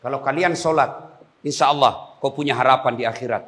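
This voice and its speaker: A man preaching a humorous sermon at a prison gathering, animated, swinging between hushed and shouted lines. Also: medium pitch, fairly quick.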